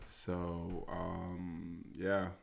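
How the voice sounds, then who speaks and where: Low gravelly young man, halting. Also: completely flat delivery. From Austria. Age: 20s. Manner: halting, with many fillers and restarts. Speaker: guest, American football player. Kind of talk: casual interview talk.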